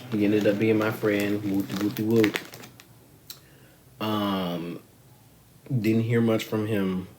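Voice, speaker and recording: A man's voice: fairly low pitch, little pitch movement, takes it slowly, background noise. A man from the United States talking to his camera, rambling, swearing freely and using slang while he eats and talks. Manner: rambling, profane, slangy and frank. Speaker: vlogger. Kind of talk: casual talk to camera. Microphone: camera mic.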